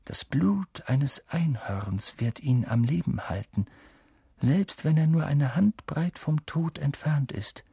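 Man doing a noble young centaur, slow serious words, kinda raised voice, dry close sound. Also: on the high side, animated, vocal fry, warm tone, husky, no room sound, voice pushed up, heavily acted. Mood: grave. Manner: measured and grave, slow emphatic words. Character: noble young male centaur, earnest and protective. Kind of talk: audiobook character voice.

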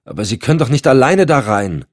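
A man's voice: medium pitch, sing-song, a little fast, no room sound, clean studio sound, pitched above the performer's own voice. A man voicing a nervous young male junior agent who stammers anxiously. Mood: alarmed.

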